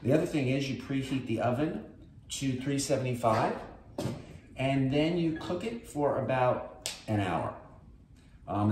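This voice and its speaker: An older New York man with a medium-pitched, slightly mellow voice hosts a casual cooking demonstration in his home kitchen, narrating each step. He's chatty and rambling, adding asides about health, and the recording is echoey and noisy.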